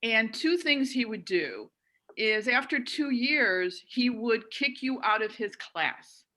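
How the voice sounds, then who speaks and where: Bright-voiced woman telling an anecdote. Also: a little high, slow. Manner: lively, anecdotal, quotes a teacher. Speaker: club member. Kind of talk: anecdote on a video call.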